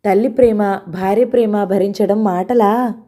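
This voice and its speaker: A woman reading out a playful college-age son who jokes with his parents. The voice lifts a little when he teases, yet stays mellow and warm. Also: medium pitch, steady tone, measured pace, lightly acted. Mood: teasing. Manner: cheeky, joking. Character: playful teasing young male student son.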